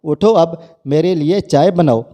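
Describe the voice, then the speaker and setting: A man's voice: a little high, natural voice. A man voicing a furious, domineering father-in-law in a spoken family story. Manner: shouting insults.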